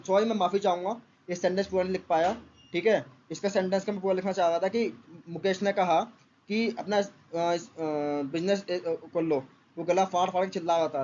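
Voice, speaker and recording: A man teaching English vocabulary and idioms to exam aspirants, explaining slowly with many fillers and repeated checks. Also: high-pitched, a little mellow, slight background noise. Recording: dull lo-fi recording.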